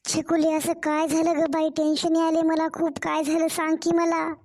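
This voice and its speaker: Lady doing a worried caring mom, high even voice, keeps asking questions. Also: moderate pace. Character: anxious caring middle-aged mother. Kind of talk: cartoon story voice acting.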